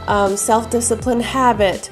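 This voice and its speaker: A woman who teaches intuition speaks casually to camera in an advice video, her voice hoarse, raspy and froggy from allergies. She talks loosely with fillers and restarts, in a high-ish, steady tone at a measured pace. Faint music plays behind her.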